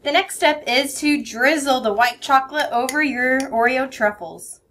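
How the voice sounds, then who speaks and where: A woman's voice: high-pitched, moderate pace, fairly bright tone, a little hiss or hum. A young woman gives simple instructions during a cooking demonstration in a kitchen. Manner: simple instructions while working. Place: home-style kitchen.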